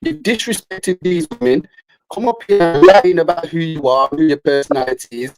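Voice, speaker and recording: A man's voice: on the high side, moderate pace, dry recording, faint music behind, low-quality recording. A man on a glitchy video call that keeps breaking up, confrontationally accusing someone during a live panel. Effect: glitchy video call audio, breaking up. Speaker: panel participant. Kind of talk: heated live-stream panel argument. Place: outdoors or in the countryside.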